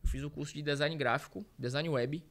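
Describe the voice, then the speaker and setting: This Bahian man in his thirties, a street reporter, is the guest in an informal interview about his life, rambling and correcting himself with plenty of slang fillers. His voice leans high and fairly bright, brisk in pace with fairly even intonation.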